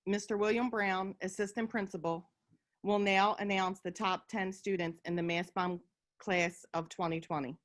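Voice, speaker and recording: A woman's voice: mid-range voice, little pitch movement, normal speed. A woman making formal introductions at a graduation ceremony. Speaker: ceremony announcer.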